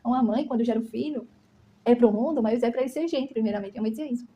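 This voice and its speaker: Fast-talking Brazilian woman giving testimony. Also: a little high, dark tone, slight background noise. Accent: Brazilian Portuguese. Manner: emphatic, keeps asking "entendeu?". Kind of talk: personal testimony to camera.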